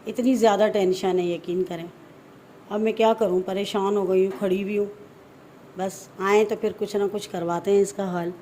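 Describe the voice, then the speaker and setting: A middle-aged woman from Pakistan with a Pakistani Urdu accent, chatting casually in a family vlog at home and telling a story in an animated way, with lots of repetition for emphasis. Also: mid-range voice, normal speed, a little hiss or hum. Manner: frightened and fretful at first. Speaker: vlogger. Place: home, moving between rooms and a balcony.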